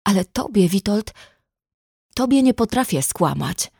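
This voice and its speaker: A woman's voice: mid-range voice, very animated, unhurried, creaky, a little mellow, husky, dry recording, studio quality, pitched above the performer's own voice, exaggerated voice. Woman reading as Daniela, a bitter red-haired girl. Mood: anguished. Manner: tearful, cutting accusations.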